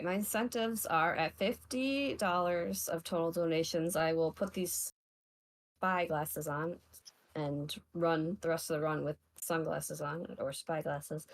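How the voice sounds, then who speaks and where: Low-voiced chatty woman streamer. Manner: chatty, relaxed, uses fillers. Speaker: speedrunner, variety streamer. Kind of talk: casual livestream chat.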